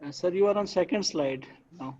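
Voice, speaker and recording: A man speaks over dull, lo-fi call audio. His voice is high and soft-toned, and he is deferential as he assists in a webinar. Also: brisk.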